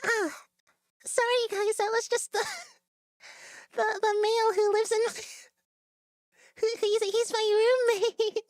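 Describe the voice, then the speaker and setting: Very high-voiced woman coaching voice technique. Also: flat delivery, takes it slowly, pauses often, no room sound, studio quality. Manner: giggly, explains vocal technique step by step. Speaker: guest voice coach. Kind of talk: casual voice-training demo on stream.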